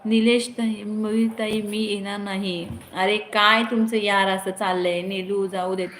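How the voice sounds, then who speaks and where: A woman hosting a live stream on her phone, chatting along at a middling pitch. She reads out her viewers' comments and answers them with friendly advice. Her voice bounces around a roomy space, and a faint hiss sits underneath. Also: little pitch movement, measured pace, a bit bright. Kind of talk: casual live-stream chat.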